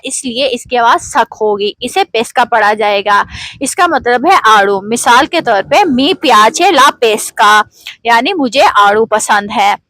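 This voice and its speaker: A woman with a Pakistani Urdu accent teaching a pronunciation lesson, speaking slowly and carefully and modeling each word for learners to repeat. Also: on the high side, a bit bright, dry recording, poor audio. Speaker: language teacher.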